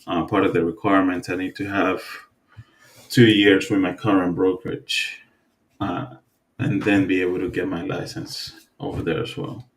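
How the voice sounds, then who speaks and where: A man from the Dominican Republic co-hosting a podcast, talking in a relaxed, halting way with many fillers and restarts. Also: sits low. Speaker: podcast co-host. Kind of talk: casual chat.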